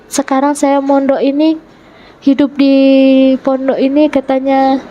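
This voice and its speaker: High, mellow-voiced woman recounting her story. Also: completely flat delivery, dull audio, slight background noise. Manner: retells events by acting out quoted dialogue; earnest, halting, with restarts. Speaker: convert telling her life story. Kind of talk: emotional personal testimony in an interview.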